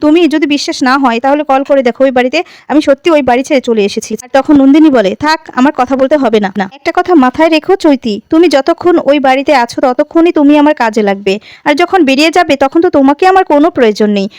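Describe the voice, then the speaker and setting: A woman's voice: sits high, lively intonation, racing, a little mellow, dry recording. A woman narrating a story recap at speed and reading all the characters' lines in her own voice.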